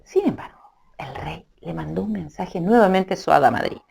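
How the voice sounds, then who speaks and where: A woman tells a children's story with a lively voice that swings up and down. She is playful and expressive, tossing in sound effects as she goes. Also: on the low side, a little fast, creaky, a little hiss or hum.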